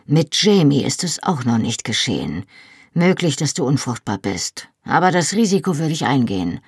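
A reader putting on a scheming Highland chieftain from an audiobook, speaking low and insinuating. The voice is gravelly and a little husky, recorded dry and close. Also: male voice, sing-song, moderate pace, no echo. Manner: quiet, insinuating. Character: sardonic scheming Highland chieftain, man, middle-aged. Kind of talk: audiobook character voice.

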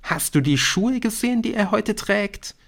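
A man's voice: high voice, expressive, moderate pace, a bit bright, pitched above the performer's own voice. A man voicing a prying, affected teenage schoolgirl in an audiobook. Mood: gossipy. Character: prissy gossiping teenage schoolgirl.

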